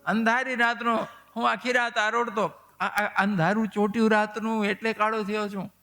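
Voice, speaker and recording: A man's voice: high voice, flat delivery, normal speed, pushed and bright, soft background music. A man voicing a playful divine boy. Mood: teasing. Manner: playful, teasing storyteller voice.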